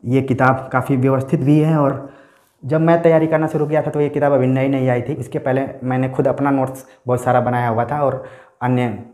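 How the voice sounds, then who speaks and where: A man giving an exam-prep lecture at a steady middle pitch. He explains each point patiently and keeps checking in with his listeners. His voice bounces around an echoey room. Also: a little fast. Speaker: teacher.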